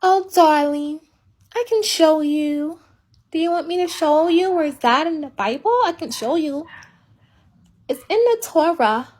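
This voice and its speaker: A woman putting on the voice of a meek, placating young wife who sweet-talks her husband in a soft, gentle way. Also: high voice, measured pace, voice pushed up. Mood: sugary.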